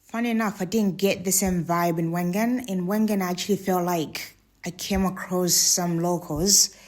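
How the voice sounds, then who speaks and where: A woman's voice: fairly low pitch, fairly even intonation, normal speed, a little mellow. A woman casually narrating her travel vlog in a chatty, candid way, admitting when she is unsure how to say a name. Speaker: travel vlogger.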